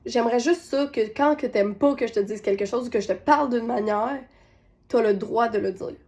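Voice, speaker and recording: A woman's voice: a little high, moderate pace, darkish tone. A woman with a Québécois accent telling a personal parenting story, retelling scenes with quoted voices. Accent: Québécois French. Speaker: parenting coach.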